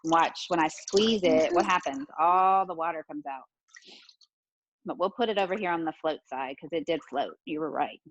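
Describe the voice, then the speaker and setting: This woman has a low-sitting voice and talks at a moderate pace while teaching pre-kindergarten kids interactively. She asks them questions and repeats their replies in an encouraging way, all captured on a rough recording.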